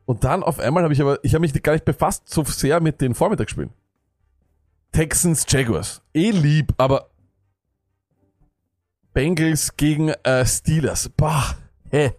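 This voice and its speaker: A man's voice: fairly high pitch, unhurried, long pauses, a little mellow, no room sound, clean studio sound. A man co-hosting a fantasy football podcast, ranting and sarcastic, jumping between thoughts. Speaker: podcast co-host. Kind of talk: casual fantasy football chat.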